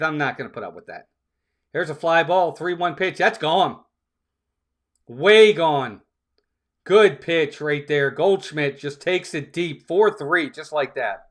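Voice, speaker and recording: A man's voice: a little high, a bit bright. A man hosting a fan stream, calling play-by-play and answering viewers' chat directly, often repeating himself for emphasis. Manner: talks straight to viewers, scolds trolls, repeats himself for emphasis. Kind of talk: live play-by-play commentary mixed with replies to chat.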